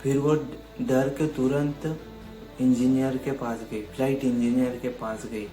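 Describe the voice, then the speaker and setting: A man's voice: mid-range voice, little pitch movement, measured pace, warm tone. A man telling a mysterious ghost story in a casual, chatty way, often speaking to his listeners as friends. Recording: echoey room with faint music.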